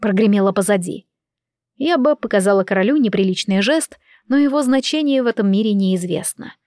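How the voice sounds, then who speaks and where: A woman narrating a first-person novel in an expressive reading voice. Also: medium pitch, a little fast, no echo, studio quality. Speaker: audiobook narrator.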